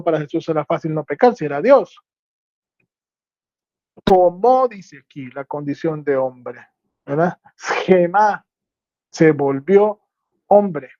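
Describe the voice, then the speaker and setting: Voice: medium pitch, darkish tone, no room sound. A Bible teacher giving a teaching sermon, explaining step by step and checking with rhetorical questions whether listeners follow. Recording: dull lo-fi dry sound.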